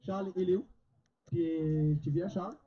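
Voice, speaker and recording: A man's voice: high voice, moderate pace, noisy background. A man hosting a game at a camp evening show, calling people up and teasing them in a theatrical way. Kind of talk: stage hosting. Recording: lo-fi sound with a lively crowd.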